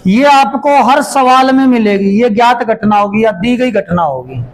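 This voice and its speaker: A man teaching a maths lesson, going through each step slowly and repeating it while he writes it out. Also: very high voice, animated, low-quality recording. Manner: slow, repeats steps as he writes. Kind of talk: classroom lesson explanation.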